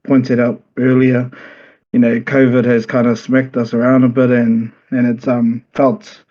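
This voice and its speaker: A man's voice: medium pitch, mellow, lo-fi sound. A man with a New Zealand accent, a teacher asking a casual, polite question in a hesitant, roundabout, deferential way.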